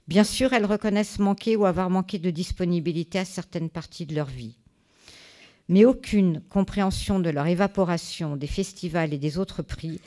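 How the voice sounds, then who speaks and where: A woman giving a conference talk, reading a prepared text in a measured way, with small fillers and restarts. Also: lowish voice, warm tone. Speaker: conference speaker. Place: conference hall.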